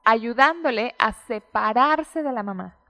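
A woman, a guest expert explaining child development in an interview, animated and acting out the voices of parents. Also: fairly high pitch, a little slow. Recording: roomy hall reverb.

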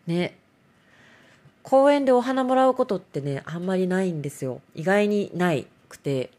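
A woman's voice: on the low side, lively intonation, moderate pace, a little mellow. A middle-aged woman hosts a casual solo talk show, rambling and self-mocking.

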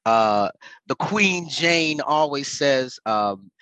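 A man's voice: medium pitch, expressive, very slow, sharp tone, dry recording. An American man hosting a podcast in a casual, chatty style. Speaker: podcast host.

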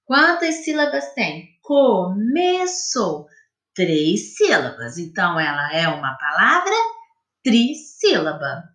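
A woman teacher with a Brazilian accent giving a recorded lesson to pupils. She explains slowly and patiently, spelling out sounds and syllables. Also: lowish voice, wildly swooping pitch, sharp tone. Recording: echoey room.

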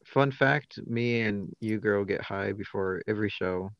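A man's voice: lowish voice, measured pace, no room sound, dull audio. A young man co-hosting a podcast, laid-back and slangy, rambling in casual chat. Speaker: podcast co-host.

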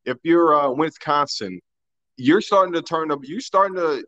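A man's voice: a little high, normal speed, fairly bright tone, no room sound, muffled recording. A man co-hosting a casual sports podcast, talking loosely and colloquially, often restarting his sentences.

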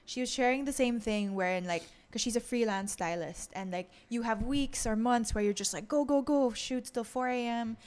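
A woman's voice: a little high, moderate pace, few pauses. A woman hosting an interview podcast, chatting casually with many filler words. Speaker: podcast host.

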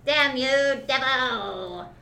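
A woman voicing a defiant young hero in an amateur fan dub, shouty and comic. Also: high-pitched, very slow, creaky, exaggerated voice. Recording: roomy echoey sound.

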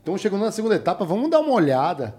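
A man's voice: sits high, sing-song, very fast, dark tone. A man hosting a podcast, upbeat and joking as he addresses listeners directly. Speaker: podcast host.

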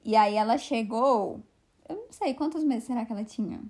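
A young woman co-hosting a casual podcast, relaxed, chiming in and adding details. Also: fairly high pitch, brisk. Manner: relaxed, chimes in and adds details. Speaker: podcast co-host. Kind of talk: casual chat.

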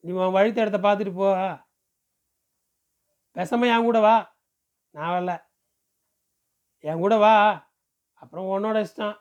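A man's voice: sits high, lo-fi sound. A man voicing a pushy talkative villager. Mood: pressing, coaxing. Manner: rapid insistent questioning, rural speech. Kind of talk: audiobook character voice.

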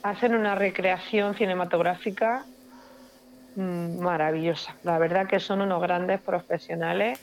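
A woman's voice: fairly low pitch, steady tone, moderate pace, slight background noise. A woman from Spain, a paranormal investigator, telling a personal story with feeling and repeating words for emphasis.

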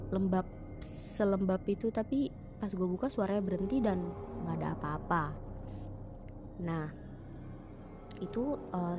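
A young woman, casually telling a ghost story in a chatty, slangy way, full of restarts and fillers. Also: fairly low pitch. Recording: music playing underneath.

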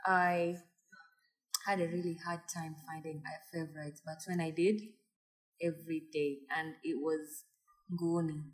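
Kenyan woman chatting, slightly low voice. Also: level tone, measured pace, low-quality recording. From Mombasa, Kenya. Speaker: enduro rider, guest. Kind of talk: casual conversation.

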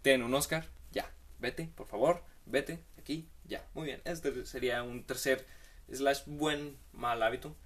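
A man's voice: medium pitch, steady tone, unhurried, a bit bright. A man hosting a comedic monologue, giving rambling, slangy advice with playful asides.

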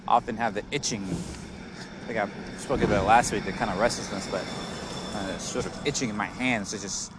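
A man hosting a casual, reflective solo podcast in a halting, hesitant way, pronouncing his r's like w's. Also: lowish voice, fairly even intonation. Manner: says w for r, soft r sounds; hesitant, halting, with frequent chuckles. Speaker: podcast host. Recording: noticeable background noise.

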